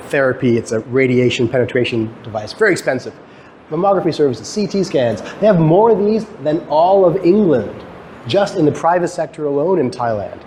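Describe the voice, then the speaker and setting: This Guyanese-born lecturer and academic researcher, now living in Canada, speaks at a medium pitch with a darkish tone. He explains material to students in a conversational style, raising questions only to answer them himself. Captured live in a lecture room, the recording carries clear noise.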